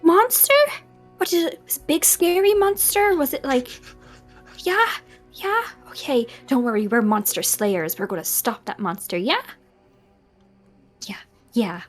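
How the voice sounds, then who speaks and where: A woman's voice: high voice, very animated, a little slow, soft background music, pitched above the performer's own voice. A woman playing a kind female warrior who coaxes and reassures a frightened child. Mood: soothing. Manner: soft, coaxing and reassuring. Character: gentle axe-wielding female warrior soothing a child.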